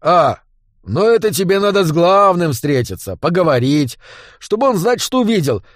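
A man voicing a drunk, bearded male tavern keeper who talks loudly and rambles, in a dry recording. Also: sits high, very animated, normal speed, no room sound, pitched above the performer's own voice. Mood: boisterous. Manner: tipsy, loud and rambling. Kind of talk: audiobook character voice.

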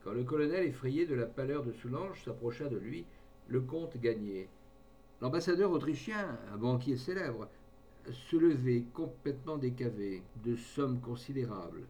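A male audiobook reader narrating a classic novel in an even, measured way. His voice sits at a middle pitch. A faint low rumble hums beneath the recording.

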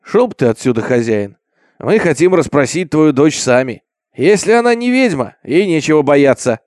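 Raised, menacing voices of a witch-hunting crowd, as a male reader puts them on. Loud and lively, in a horror audio tale. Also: fairly high pitch, moderate pace, no room sound, clean studio sound. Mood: threatening. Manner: shouting, jeering, menacing. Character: angry mob of cruel villagers.

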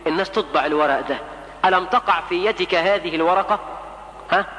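A man with an Egyptian accent preaching a sermon, animated, firing rhetorical questions and swinging between soft asides and sudden loud outbursts. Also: sits high, fast talker, long reverb tail, low-quality recording. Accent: Egyptian Arabic.

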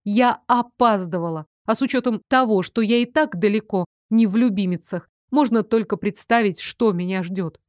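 A woman's voice: medium pitch, moderate pace, few pauses, no echo, clean studio sound. Woman narrating a fantasy audiobook. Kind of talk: first-person fantasy novel narration.

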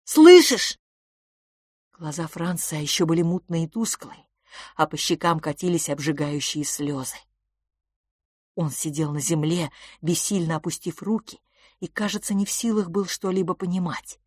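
A woman reading a storybook aloud, in a measured, expressive narration. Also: low voice, slightly rough, no echo, studio quality. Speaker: audiobook narrator.

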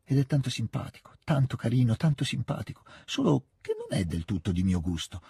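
A man with a husky voice voicing a lively, teasing young noble girl in a literary reading. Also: mid-range voice, brisk, no echo, clean studio sound, full character voice. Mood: playful. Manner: playful, insistent, coaxing.

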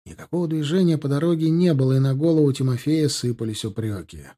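A male narrator reading a historical novel aloud. His voice is mellow and dark, with a medium pitch. The delivery is a calm, steady audiobook read. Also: fast.

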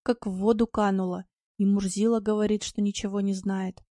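Brief: brash hot-headed yard tomcat, voiced by a woman reader; gruff, blunt, a bit raised. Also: medium pitch, level tone, normal speed, mellow, dry recording, studio quality, natural voice. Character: rough, brash yard tomcat, quick-tempered.

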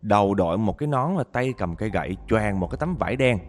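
A man's voice: lowish voice, expressive, quick pace. A man narrating a listener's ghost story, talking straight to his audience with dramatic storytelling.

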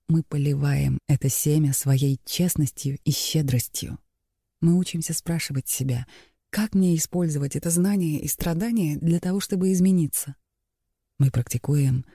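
Gravelly calm male audiobook narrator. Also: on the high side, dry recording, clean studio sound. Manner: calm, measured reading. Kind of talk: scripted narration of a spiritual book.

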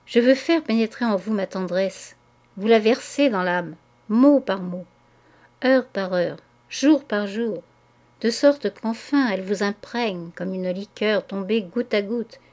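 An ardent young man pleads his love in a low, urgent hush, as a woman reads him. His words tumble out in insistent, impassioned phrases, in a mid-pitched voice. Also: takes it slowly, lightly acted. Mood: ardent pleading.

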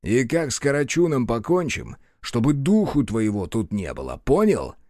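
Brief: man reading a rough-talking mocking guardian, dry close sound. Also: medium pitch, very animated, moderate pace, a little mellow, no room sound, natural voice. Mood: stern. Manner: coarse, bossy, sarcastic. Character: crude sardonic male guardian, bossy and mocking.

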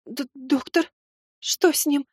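A man's voice: extremely high pitch, steady tone, slow pace, no echo, studio quality, pitched above the performer's own voice. A man voicing a frightened young mother who has just given birth, pleading with the doctor.

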